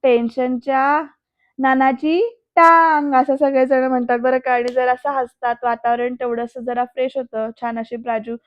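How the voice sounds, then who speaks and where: A woman with a high voice that stays flat in pitch chats through a TV episode, turning to her viewers again and again. The sound is dry and a touch dull, like a lo-fi home recording. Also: brisk, hardly any pauses, clean tone, no room sound. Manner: chatty, addresses viewers directly. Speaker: serial episode reviewer. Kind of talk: retelling a TV episode.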